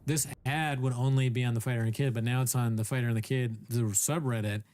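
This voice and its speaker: A man's voice: mid-range voice, fairly even intonation, fast, darkish tone, dry recording. A man co-hosting a podcast, riffing in rambling, profane casual chat full of "like". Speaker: podcast co-host.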